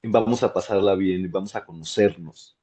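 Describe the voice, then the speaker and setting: A man teaching a masterclass as a voice coach, animated and repeating words for emphasis. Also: low voice, normal speed. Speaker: voice and speaking coach.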